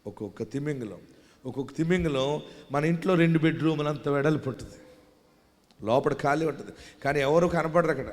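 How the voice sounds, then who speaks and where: A man preaching a sermon as pastor, swinging from quiet talk to loud shouting and calling on the congregation to shout hallelujah. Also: fairly high pitch, fairly quick. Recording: long hall reverb.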